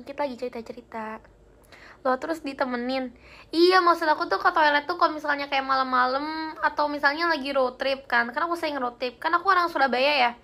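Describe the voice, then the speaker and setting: With a high, sharp voice, this young woman chats casually with her live-stream viewers and reads their comments aloud. Her spooky stories come out giggly and chatty.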